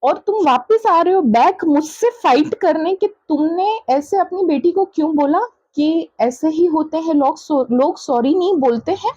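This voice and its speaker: A woman's voice: high voice, expressive, a little slow, a little mellow, no room sound, lo-fi sound. A woman, a mother, telling a vlog story about an upsetting incident in an indignant, casual way. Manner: indignant, recounting an incident with quoted dialogue. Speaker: vlogger, mother.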